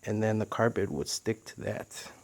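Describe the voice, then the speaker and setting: A man casually talking through a boat-building project step by step, chatty and relaxed, with plenty of fillers. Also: lowish voice, moderate pace, no room sound. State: a little out of breath. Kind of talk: casual how-to narration.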